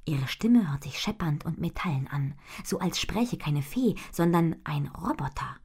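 Low, hushed woman narrating a story. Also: animated, measured pace, gravelly, breathy edge. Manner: hushed, half-whispered storytelling. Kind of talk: children's audiobook narration.

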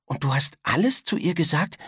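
Storybook boy, cheeky but timid, raised pitch and husky, read by a man. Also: lively intonation, moderate pace, fairly bright tone, no room sound, studio quality, heavily acted. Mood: boyish.

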